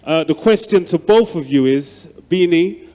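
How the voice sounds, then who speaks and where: A man's voice: fairly high pitch, lively intonation, measured pace, dark tone. A man from the United Kingdom in the audience politely asking a question of the panel. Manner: polite, respectful greetings. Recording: long hall reverb.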